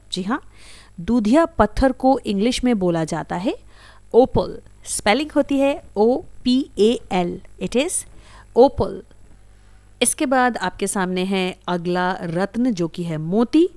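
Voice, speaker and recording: A woman's voice: mid-range voice, a little mellow, no echo. A woman teaching English vocabulary, saying each word, spelling it out letter by letter and repeating it. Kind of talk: slow explanatory vocabulary lesson.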